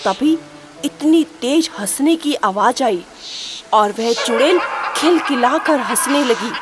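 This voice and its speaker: A woman's voice: sits high, lively intonation, takes it slowly. A woman narrating a scripted story in a dramatic, suspenseful manner, over background music.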